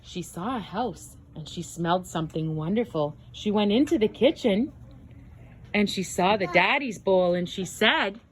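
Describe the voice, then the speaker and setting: A woman's voice: mid-range voice, lively intonation, unhurried, slight background noise. A woman narrating a children's storybook tale aloud, with dramatic exclamations and gasps.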